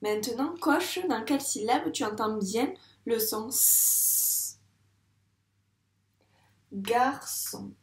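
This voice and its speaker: A woman teaching a reading lesson to young children in a patient, encouraging way, sounding out words slowly at the board. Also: a little high, roomy sound. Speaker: primary school teacher. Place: classroom with a board.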